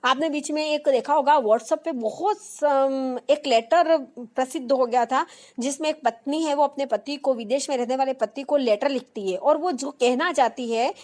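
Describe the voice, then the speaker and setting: Young adult woman, high voice, patient step-by-step teacher for exam prep, repeats key terms. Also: darkish tone. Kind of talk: exam-prep grammar lesson.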